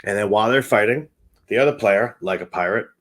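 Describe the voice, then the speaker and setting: A man in easy, joking conversation on a board game podcast. His voice runs on the low side and relaxed, with a playful way of telling things. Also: a little fast, low-quality recording. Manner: easygoing, joking. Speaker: podcast co-host. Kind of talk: casual chat.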